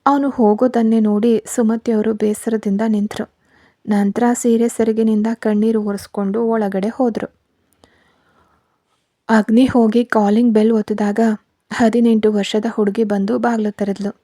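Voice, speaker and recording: A woman storyteller narrating a scripted story in a steady, even way. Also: a little high, moderate pace, no room sound.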